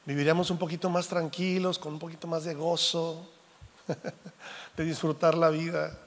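A man delivers a sermon as pastor, his voice sitting fairly high. He jokes and acts out little quotes in an animated way. The sound carries a long reverb, like a large church hall. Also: moderate pace. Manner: jokey, animated preaching with acted-out quotes.

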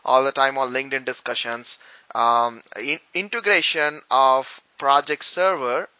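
A man's voice: mid-range voice, steady tone, measured pace, sharp tone, no room sound, highs cut off. A man co-hosting a podcast interview, talking hesitantly with many ums and restarts. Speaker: podcast co-host.

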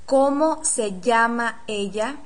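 A woman teaching a pronunciation lesson, saying model sentences slowly and carefully so they can be repeated. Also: a little high. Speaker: language teacher. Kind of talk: slow, clearly articulated pronunciation drill.

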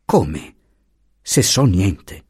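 A man voicing a hurt, pleading young wife, speaking with raised, impassioned pitch. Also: sing-song, drawn-out words, a little mellow, breathy edge, no room sound, clean studio sound, exaggerated voice.

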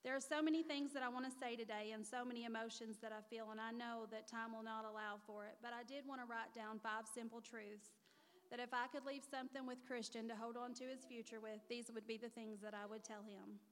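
Woman, 40s, mother of the honoree. Earnest, heartfelt prepared speech, slightly high voice, long reverb of a church hall. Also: fairly even intonation, a little fast. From Missouri. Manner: earnest, heartfelt, reading from notes.

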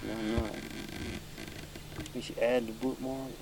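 A man's voice: medium pitch, flat delivery, measured pace. Folksy man chatting outdoors, faint noise. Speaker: hunting show host and father. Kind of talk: casual outdoor chat with his child. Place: outdoors in rural land.

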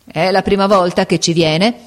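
A woman's voice: fairly low pitch, fairly even intonation, moderate pace, close to an everyday voice. A woman playing a sinister, scornful sick middle-aged woman. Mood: sly. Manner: moaning in pain, mocking.

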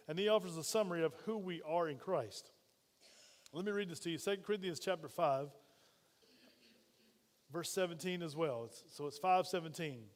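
Male pastor, high voice, lively sermon delivery with questions to the pews, long church reverb. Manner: energetic, calls out questions to the congregation.

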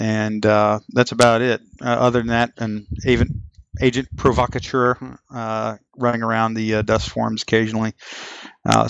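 A man's voice: fairly low pitch, gravelly, clear, resonant tone, no echo. A middle-aged man hosting a podcast over online voice chat in a casual, folksy, joking way. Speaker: podcast host. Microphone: online voice chat, close. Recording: dull, lo-fi voice chat.

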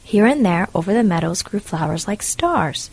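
A woman calmly narrating a fairy tale in a measured storytelling manner. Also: medium pitch, husky. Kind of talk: storybook reading.

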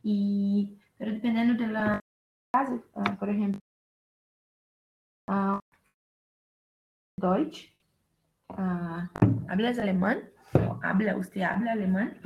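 A woman's voice: mid-range voice, vocal fry, lo-fi sound, slight background noise. A woman explaining German grammar in a casual lesson, hesitant and full of fillers. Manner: slow, hesitant, many fillers. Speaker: German teacher.

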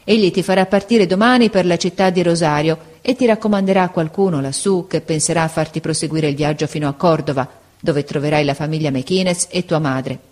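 A woman voicing a kindly older man in a storybook reading, calm and compassionate. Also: low voice, a little fast. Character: kindly older bearded man, Spanish-speaking.

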